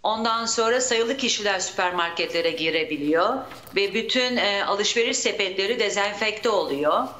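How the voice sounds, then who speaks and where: A woman's voice: medium pitch, animated, moderate pace, hardly any pauses, fairly bright tone, reverberant. Woman calling into a radio show. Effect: radio show caller on a phone line. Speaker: caller to a broadcast from abroad. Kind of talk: casual live phone report. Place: at home.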